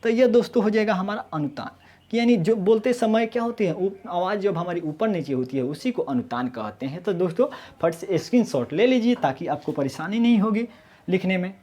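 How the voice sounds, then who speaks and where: A male Hindi grammar teacher gives an explanatory online lesson in a high-pitched, animated, slightly mellow voice. He often poses rhetorical questions and answers them himself, slowly sounding out letters to demonstrate.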